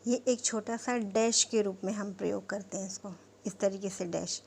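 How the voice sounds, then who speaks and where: In a classroom lesson on punctuation, a woman teacher explains slowly and patiently with fillers, spelling words out and repeatedly checking understanding with "okay?", "ठीक" and "है ना". Her medium-pitched voice is steady and a little mellow with vocal fry, over slight background noise.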